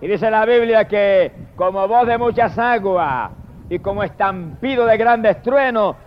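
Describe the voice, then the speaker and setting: A man preaching a fiery sermon, swinging from shouted hallelujahs to low murmured praise. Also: unhurried, slight background noise. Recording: dull lo-fi recording.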